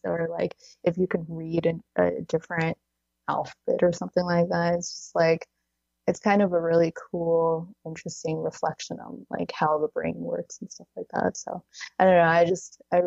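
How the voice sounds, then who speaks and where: Low and creaky with a darkish tone, this thirty-something woman's voice comes through a dry, muffled recording. She's a chatty podcast guest in an interview, using "like" constantly and laughing between phrases.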